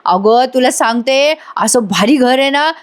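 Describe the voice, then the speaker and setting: An excitable young village woman who chatters nonstop, as a woman puts her on. The voice is high and lively. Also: unhurried. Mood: chattering.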